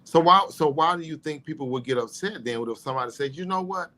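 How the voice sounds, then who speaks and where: A man's voice: on the high side, animated, quick pace, sharp tone. A man hosting a podcast in casual chat, rambling with lots of "you know" fillers. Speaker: podcast host.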